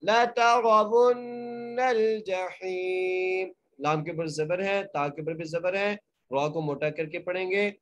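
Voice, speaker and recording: A man teaching Quran recitation in an online class, explaining each letter rule plainly and then chanting each word slowly and drawn out. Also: a little high, a little hiss or hum. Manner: polite, asks students to mute. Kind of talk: online Quran tajweed lesson.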